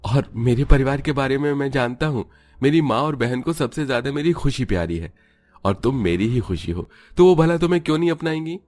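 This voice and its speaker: A steady young husband, as a man voices him in a cartoon story, with a mid-pitched, everyday voice. He reassures his bride and stands firm for her. Quiet music plays underneath. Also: brisk, close to an everyday voice. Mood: reassuring.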